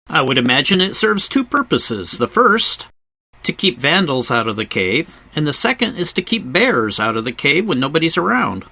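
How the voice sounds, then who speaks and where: A man's voice: medium pitch, vocal fry, sharp tone, dry recording. A man narrating a travel video as a scripted voice-over, explaining things like an informal tour guide in a conversational way with wry asides. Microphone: close voice-over microphone, recorded separately from the cave.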